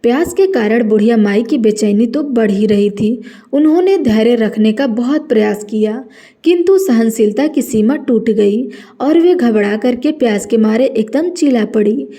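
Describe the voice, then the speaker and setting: A woman narrating a devotional story in a steady, earnest way. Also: on the high side, moderate pace.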